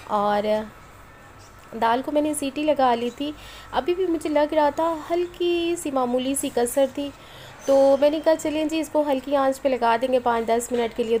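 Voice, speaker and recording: High-sitting and a little mellow, the voice belongs to a woman in her thirties from Pakistan who vlogs about cooking. Her throat is sore and strained from flu as she chats homely and straight to viewers in a home-recorded voice-over, with faint street and household noise.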